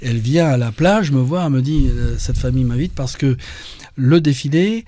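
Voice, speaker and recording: Man guest, dark mellow tone, halting personal testimony. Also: medium pitch, no room sound. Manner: halting storytelling with many restarts. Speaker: interview guest.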